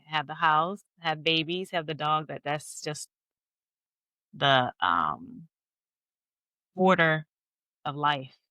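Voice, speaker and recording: Give me a candid woman podcast guest with a smooth, clear, slightly low voice. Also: lively intonation, takes it slowly, pauses often, bright, forceful tone, no echo. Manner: candid, reflective, light laughs. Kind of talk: personal storytelling interview.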